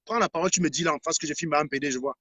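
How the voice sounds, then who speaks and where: A man's voice: fairly high pitch, racing, bright, forceful tone, dry recording. A man ranting to his viewers on a live stream, mocking and repeating his points for emphasis. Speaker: online commentator.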